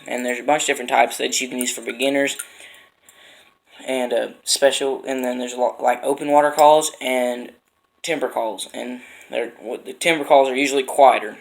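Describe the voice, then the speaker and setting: A man giving an informal how-to demonstration as an instructor, explaining in a halting, unpolished way. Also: medium pitch, gravelly, low-quality recording. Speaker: instructor demonstrating duck and goose calls.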